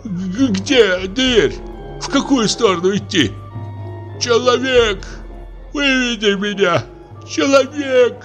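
A pompous old sea captain, hard of hearing, booms out ship's commands, as a male reader plays him. The voice sits high and leaps up and down in pitch. A faint music bed runs underneath this audiobook play. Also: lively intonation, slow, a bit bright, heavily acted. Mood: outraged. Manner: booming sea commands, mishears everything. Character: deaf old retired navy captain, pompous.

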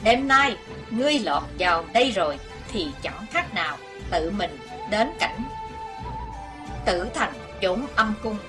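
A woman's voice: medium pitch, big pitch swings, unhurried, music in the background. A woman reading the lines of a gaunt, menacing old male demon martial artist in a storybook tale, boastful and threatening.

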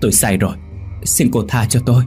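A man's voice: medium pitch, fairly even intonation, fairly quick, a little mellow, faint music behind, pitched above the performer's own voice, natural voice. A man voicing a young male grave robber who cries out and begs in panic. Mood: terrified.

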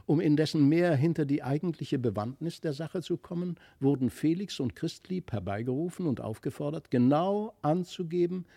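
A man narrating a fairy tale in a studio with expressive, lively storytelling. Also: fairly high pitch, moderate pace, creaky, few pauses, no echo. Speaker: audiobook narrator.

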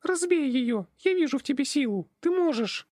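Brief: shrill, swooping squeak for a small trapped audiobook spirit, pleading and insistent. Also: male voice, animated, moderate pace, a little mellow, far from the mic. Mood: urgent. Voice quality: piercing squeak. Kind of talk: audiobook character voice.

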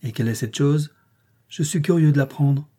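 Male narrator doing wealthy teasing gentleman, audiobook, mellow raspy tone. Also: a little high, moderate pace, voice pushed up. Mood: brusque. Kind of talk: audiobook reading.

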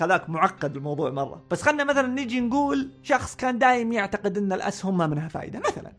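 A man with a Saudi accent summarizing a book in a lively, emphatic way, talking straight to the listener as a friend. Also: sits high. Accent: Saudi Arabic. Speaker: book explainer. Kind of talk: animated book summary talk.

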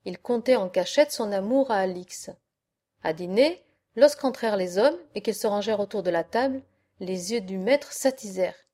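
A woman's voice: mid-range voice, moderate pace, warm tone, lightly acted. A woman voicing a young peasant girl who earnestly tells her father a sad story in a storybook reading. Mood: imploring. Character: gentle young peasant sister telling a sad tale.

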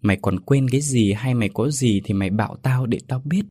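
A stern older man pleads earnestly and firmly in a spoken ghost story. A man plays him. The voice sits slightly low and husky, recorded close and dry. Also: a little fast, dark tone, dry recording, close to an everyday voice.

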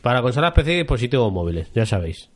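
A man's voice: medium pitch, sing-song, very fast. A man with a Spanish accent from Spain, co-hosting a podcast and chiming in with wry short remarks. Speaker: podcast co-host. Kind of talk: casual chat.

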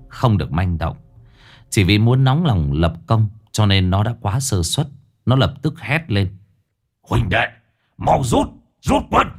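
A man narrating a ghost story in an expressive storytelling manner. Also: on the low side. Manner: animated, expressive.

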